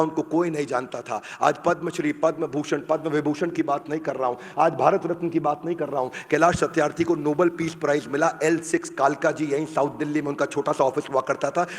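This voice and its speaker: Man, motivational stage speaker, high voice, echoing hall reverb, emphatic and repetitive. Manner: emphatic, repetitive, leads audience chants. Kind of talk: motivational seminar speech. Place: large hall with live audience.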